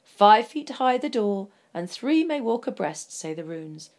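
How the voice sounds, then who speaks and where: A woman voicing a stern, commanding old male wizard in a storybook reading, speaking forcefully and with emphasis. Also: mid-range voice, big pitch swings, measured pace.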